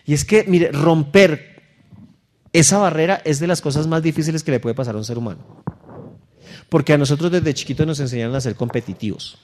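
A man's voice: a little high, fairly quick, darkish tone. A middle-aged man, a pastor preaching a sermon in a conversational, storytelling way that speaks directly to his listeners.

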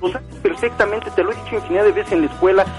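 A man's voice: high-pitched, very fast, darkish tone, faint music behind. A Mexican man on a phone call, stern and angry, repeating himself and swearing. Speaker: prank call target, a father. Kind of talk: phone call on a radio prank.

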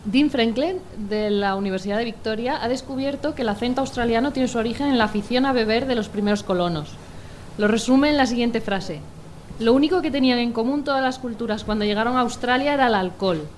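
A woman reads a comic news item with wry, dry timing. Her voice is a touch high, with faint ambient noise around her. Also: brisk. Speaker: comedy news contributor. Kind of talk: reading a comic news story.

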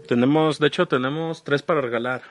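A man's voice: a little high, fairly even intonation, brisk, a little hiss or hum. A man with a Mexican accent co-hosting a podcast, chatting and reviewing casually in an informal, slangy, sweary way. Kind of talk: casual live-stream chat and review.

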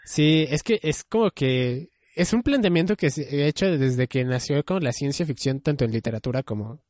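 A man's voice: medium pitch, normal speed, darkish tone, no echo, clean studio sound. A young man chatting casually, musing and hedging with many fillers. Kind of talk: casual chat about anime.

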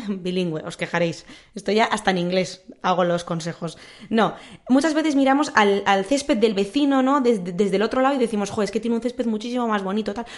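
Young woman in her twenties, solo podcast host, candid chatty advice, mid-pitched voice. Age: 20s. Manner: chatty, candid, tag questions.

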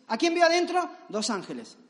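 High-voiced male pastor preaching animatedly. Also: a little fast. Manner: conversational, animated storytelling, rhetorical questions. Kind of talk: sermon. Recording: long hall reverb.

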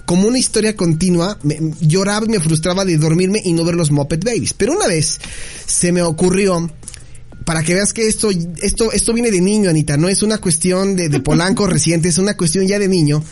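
A Mexican man with a notably high voice spins a funny childhood story in relaxed chat, laughing along as he goes. Soft music sits faintly behind him. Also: brisk. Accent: Mexican Spanish. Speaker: podcast co-host. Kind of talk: casual chat, telling an anecdote.

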